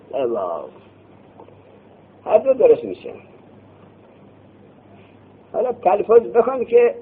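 A man teaching a grammar class, quizzing his students with quick questions, answering them himself and scolding them to put things away and listen. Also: sits high, slightly rough. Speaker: seminary teacher. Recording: tinny phone-like lo-fi recording.

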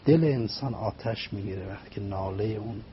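Through a story told in lively, rhythmic phrases, a religious guest speaker unpacks a piece of poetry. The audio sounds slightly muffled and carries a low, faint rumble.

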